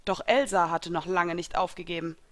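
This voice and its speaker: A woman narrating a first-person fan-fiction audiobook, calm in the telling and loud at the spells. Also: on the low side, moderate pace. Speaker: audiobook reader.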